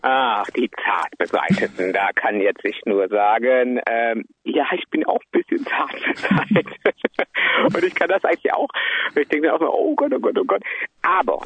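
A man joking around as a guest in a casual interview, animated and quick to laugh. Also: medium pitch, slightly rough, no echo, highs cut off.

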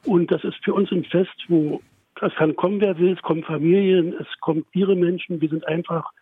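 A man's voice: high-pitched, steady tone, brisk, breathy edge, dry recording. A man in his fifties from the outskirts of Berlin, with a Berlin accent, speaking as an interview guest and explaining things plainly, with restarts. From Berlin outskirts, Germany. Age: 50s. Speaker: guest, pride association member. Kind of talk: interview over a phone line. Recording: tinny phone line, dry.

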